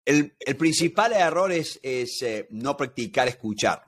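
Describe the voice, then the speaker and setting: A man's voice: medium pitch, animated, measured pace. A man with a Rioplatense Spanish accent, a negotiation expert talking as a guest in an interview and explaining his points through everyday examples. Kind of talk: conversational interview.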